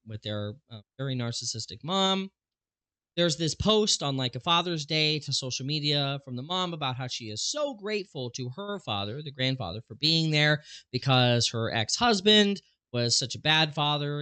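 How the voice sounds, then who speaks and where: A man hosting an online talk show, explaining things in a loose, conversational way with plenty of "um"s and restarts. His voice is bright and forward, recorded dry and close with no room sound. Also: mid-range voice, smooth, dry recording. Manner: conversational, frequent fillers and restarts. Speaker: host. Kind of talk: casual commentary on a presentation.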